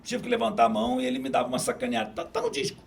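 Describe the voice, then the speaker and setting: A man being interviewed about his career in live events, telling backstage stories in a lively, animated way. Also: mid-range voice, rapid-fire, gravelly. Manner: animated storyteller, acts out voices in quotes. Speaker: events venue executive. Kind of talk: interview anecdotes.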